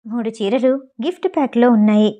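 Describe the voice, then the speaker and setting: A woman reading a romance audio novel in an even, scripted storytelling delivery. Her voice sits high, with a soft, mellow tone rather than a bright one. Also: fairly quick, dull audio. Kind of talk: scripted narration.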